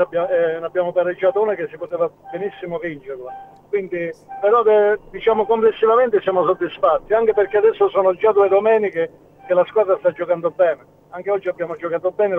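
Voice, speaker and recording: A high-voiced man talks over a phone line. The sound is tinny and narrow, with a faint hiss underneath. He speaks haltingly and often restarts his sentences. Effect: heard over a phone line. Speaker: football club president. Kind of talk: phone-in interview.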